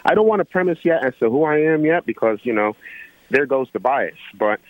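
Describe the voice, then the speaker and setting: A man from Guyana, an electrical engineer, calling in to a talk show and making his point earnestly, with many pauses and fillers. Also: mid-range voice, expressive, dry recording, narrow, tinny audio. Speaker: caller. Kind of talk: call-in radio talk.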